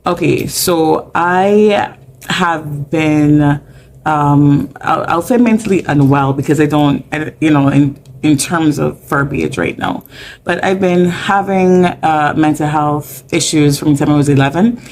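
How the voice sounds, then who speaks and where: Low-voiced Barbadian woman, candid. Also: a little slow, darkish tone, slight background noise. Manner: candid, chatty, many fillers. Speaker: mental health advocate guest. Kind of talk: conversational interview.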